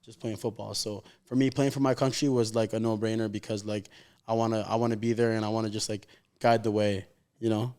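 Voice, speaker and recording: A professional footballer in his 20s, raised in Calgary, Canada, chats casually and earnestly as an interview guest, full of informal slang and "like." His lowish voice is brisk, clear, resonant and a little mellow, with little pitch movement.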